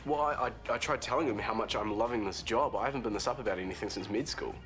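A man's voice: on the low side, quick pace, music in the background, natural voice. An actor in his twenties with a New Zealand accent plays a cheeky, eager young barman with a stammering, informal way of talking in a TV soap. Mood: defensive, earnest. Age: 20s. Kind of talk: naturalistic TV soap acting.

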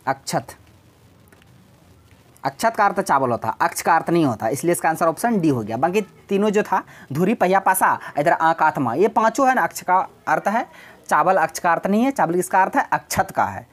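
Woman going over test questions, lowish voice, says key words again and again. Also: expressive, brisk. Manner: explains step by step, repeats key words. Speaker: teacher. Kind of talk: exam prep lesson.

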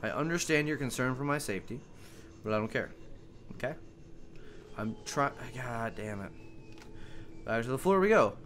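A man's voice: medium pitch, expressive, normal speed, pauses often, fairly bright tone, a little hiss or hum. A man giving casual gameplay commentary as host, rambling and joking, swearing often. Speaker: gaming video host.

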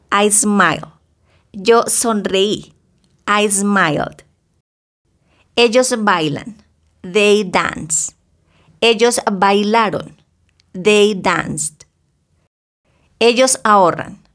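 A woman teaching English grammar, slowly reading bilingual example sentences with careful pronunciation. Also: mid-range voice. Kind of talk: slow bilingual grammar lesson.

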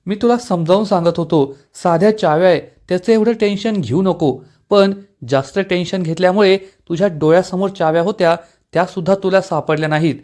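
An angry young husband scolds his wife over her carelessness, as a man reads his lines aloud. The reproachful voice sits fairly high for a man. It is told as part of a soap-opera episode recap. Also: fairly quick, hardly any pauses, darkish tone, close to an everyday voice. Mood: angry scolding.

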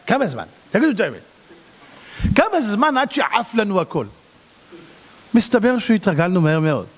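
Animated rabbi preaching in a reverberant hall. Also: male voice, high voice. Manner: animated, swings between shouting and hushed pleading. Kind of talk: sermon.

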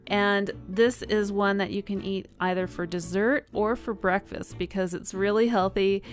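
A woman's voice: mid-range voice, clean tone. Chatty woman narrating a cooking video. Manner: relaxed, chatty, with small laughs and fillers. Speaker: cooking channel host. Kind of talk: friendly voice-over cooking instructions. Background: soft guitar music.

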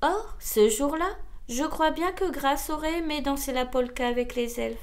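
A woman reading a children's picture book aloud in a slow, theatrical way. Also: high voice. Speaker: storybook reader.

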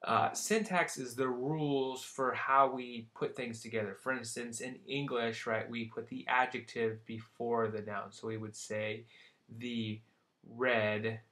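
A man's voice: mid-range voice, level tone, measured pace, bright, forceful tone. Casual man teaching a class. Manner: casual, checks in with "right?" and "okay?"; light joking asides. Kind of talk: recorded lecture.

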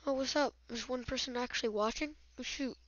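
A woman's voice: high-pitched, brisk, a bit bright, dry recording, dull audio. A woman casually commenting on her own gameplay while streaming, drawling and muttering asides to herself. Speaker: gamer streamer. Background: game sounds and hip hop music.

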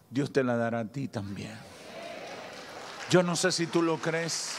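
Fervent high-voiced Dominican pastor preaching. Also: male voice, slight background noise. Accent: Dominican Spanish. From Dominican Republic. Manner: fervent preaching, swings from loud declarations to slow hushed lines. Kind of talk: sermon. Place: large church stage. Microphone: handheld microphone at a pulpit.

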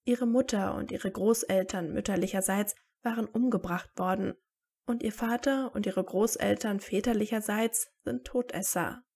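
Woman reading a teenage boy wizard, tired, wry, sarcastic, gravelly, mid pitch. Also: fairly even intonation, normal speed, a little mellow. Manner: dry and sarcastic.

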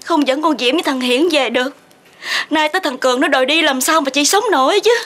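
A woman's voice: sits high, quick pace, fairly bright tone. A middle-aged actress playing a distraught rural mother who pleads with her son not to leave, in a TV drama. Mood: worried. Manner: tearful, pleading. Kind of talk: TV drama acting.

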